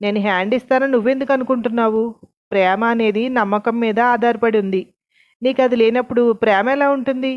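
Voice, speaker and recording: A woman's voice: a little high, quick pace, natural voice. A woman voicing an impatient young man who argues defensively with his girlfriend in a read-aloud story. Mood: irritated. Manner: argumentative, impatient. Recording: dull lo-fi recording.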